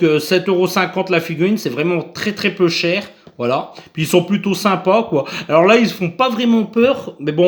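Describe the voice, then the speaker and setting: A man with a French accent chats through a toy unboxing in a relaxed, halting way, full of "euh" and restarts. His voice sits a little higher than most men's. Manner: hesitant, many fillers and restarts. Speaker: YouTube unboxing host. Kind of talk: casual unboxing vlog.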